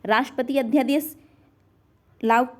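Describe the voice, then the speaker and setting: A woman's voice: sits high, steady tone, unhurried, a little mellow. A woman teaching a revision lesson on grammar, asking questions and answering them herself while repeating each answer, now and then dropping in an English word. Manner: drops in English words like next and pronunciation.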